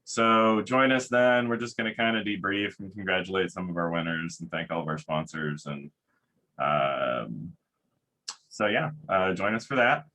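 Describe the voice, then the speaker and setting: A man casually making conference announcements over a video call, relaxed and rambling. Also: deep voice, moderate pace. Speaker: conference organizer introducing sessions.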